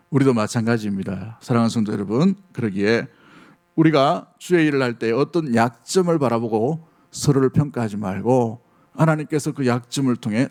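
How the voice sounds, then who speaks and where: Earnest middle-aged pastor preaching a sermon. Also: male voice, medium pitch, darkish tone. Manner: earnest, conversational preaching with rhetorical questions.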